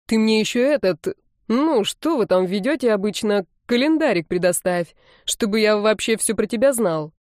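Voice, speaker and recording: A woman reading the part of a calm, teasing young male student in an audiobook. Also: mid-range voice, moderate pace, dry recording, clean studio sound, close to an everyday voice. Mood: mocking. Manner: calm, mocking.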